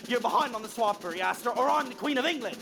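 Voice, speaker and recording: Pirate captain for stage: bossy, mocking, high gravelly voice, music behind. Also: lively intonation, fast talker. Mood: brash, commanding. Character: brash, bossy pirate captain barking orders, mocking his crew. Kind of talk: theatrical stage acting.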